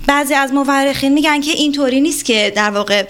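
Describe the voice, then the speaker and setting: A woman speaks Persian with an Isfahani accent in a fairly high voice. She presents in an informative style, like a radio host introducing her home region. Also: a bit bright. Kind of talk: informative talk with recited verse.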